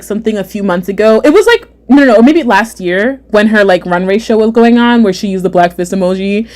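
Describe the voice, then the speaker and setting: Woman, young adult, livestream host, casual chat, animated, high-ish voice. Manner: animated, laughs often, repeats phrases. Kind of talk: casual live chat reading comments.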